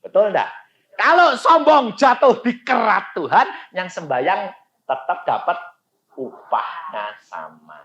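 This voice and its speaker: Man, pastor's sermon, loud calls and hushed asides, dull lo-fi recording. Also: high-pitched, very animated, takes it slowly, slight background noise. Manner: dramatic storytelling, swinging from loud calls to quiet asides.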